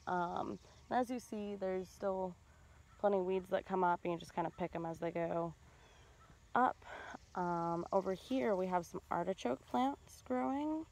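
A woman casually narrating a tour of her outdoor garden while filming on a phone, relaxed and chatty with lots of ums. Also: fairly low pitch. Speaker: home gardener vlogger. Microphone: handheld phone camera.

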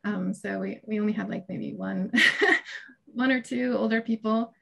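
A woman's voice: medium pitch, steady tone, unhurried, vocal fry, darkish tone, lo-fi sound. A woman in her thirties presenting research and answering questions on a video call, talking casually with hesitations and laughs. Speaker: academic presenter. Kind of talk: conference presentation and Q&A. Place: small home room with shelves. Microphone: video call webcam.

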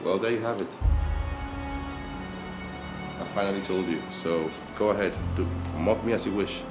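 An actor as a proud, resentful husband in his thirties. His low voice is indignant and emphatic, with music under it, in a film drama. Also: normal speed, lightly acted. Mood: bitter.

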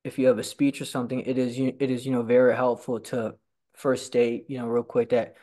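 Talking fairly quickly with a mellow, mid-range voice that barely moves in pitch, a young man joins a casual interview as a guest over video call. His speech is full of stutters, fillers and repeated words, picked up by a laptop webcam in a home room next to the stairs.

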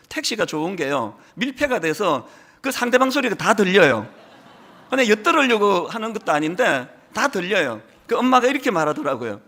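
A middle-aged man, a pastor, preaching a sermon and telling a story, his voice swinging between loud and hushed. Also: high voice. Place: church sanctuary.

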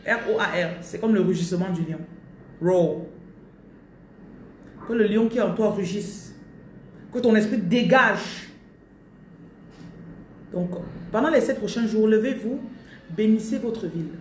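Speaking at medium pitch, unhurried and with frequent pauses, a woman delivers a live spiritual coaching talk full of emphatic affirmations declared over her audience. She repeats her phrases and drifts into English; the mic is distant, the room echoes, and there's slight background noise.

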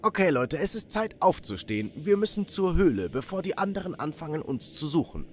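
A man's voice: fairly high pitch, sing-song, slight background noise, pitched above the performer's own voice. A man doing a bossy teenage henchman. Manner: brisk, ordering.

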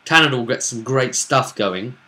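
This vlogger in his twenties has a mid-range, animated voice with a sharp edge, moving at a moderate pace. Indoors in a small room at home, he casually retells a role-play game session as a story and performs snippets of the dialogue.

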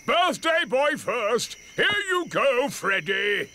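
Grampy Rabbit, a boisterous old rabbit. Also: male voice, extremely high pitch, big pitch swings, takes it slowly, creaky, heavy background noise, exaggerated voice. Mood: jolly. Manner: boisterous and playful. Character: jolly old grandad rabbit. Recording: cartoon with loud music underneath.

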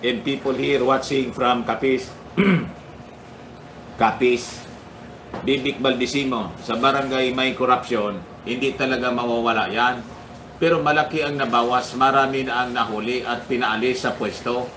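A man's voice: medium pitch, steady tone, moderate pace, a bit bright, distant mic, a little hiss or hum. A man hosting a casual political commentary livestream, chuckling often and greeting his viewers by name. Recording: echoey room.

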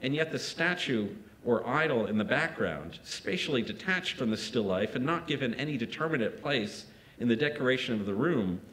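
A man giving a prepared art-history lecture in a museum, measured, with small restarts and asides. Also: mid-range voice, a bit bright, low-quality recording. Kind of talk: reading a prepared lecture aloud.

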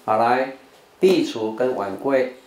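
A man's voice: medium pitch, animated, takes it slowly, darkish tone. An older man, a Buddhist monk from Taiwan with a Taiwanese Mandarin accent, teaching English words and leading call-and-response drills, sometimes slipping into Taiwanese Hokkien. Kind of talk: televised vocabulary lesson. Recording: roomy hall with faint background noise.

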